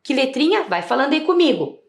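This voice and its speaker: A woman's voice: sits high, big pitch swings, a little fast, vocal fry. A Brazilian woman teaching a video reading lesson to young children, stretching out syllables and asking sing-song questions. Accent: Brazilian Portuguese. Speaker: primary school teacher.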